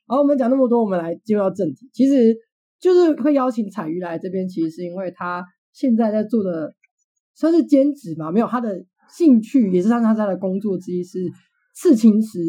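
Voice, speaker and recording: A woman's voice: medium pitch, lively intonation, fairly quick, warm tone. A young woman, hosting a podcast in casual chat, blunt and swearing freely. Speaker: podcast host.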